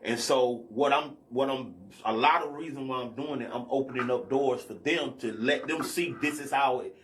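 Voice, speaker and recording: A man's voice: mid-range voice, normal speed, a bit bright. Rambling man in his forties. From Athens, Georgia, US. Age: 40s. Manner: rambling, peppers talk with "you know what I'm saying". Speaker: guest R&B artist. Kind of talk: casual podcast conversation.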